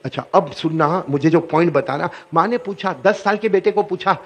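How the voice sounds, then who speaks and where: Male preacher, animated storytelling sermon, bright sharp tone, gravelly. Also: sits high. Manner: animated, calls on the audience to repeat.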